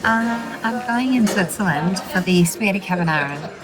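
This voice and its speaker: A woman travel vlogger chats upbeat into a handheld camera on a mountain hiking trail in a casual vlog. Her voice is medium-pitched and moderately paced, the recording is rough, and background music plays.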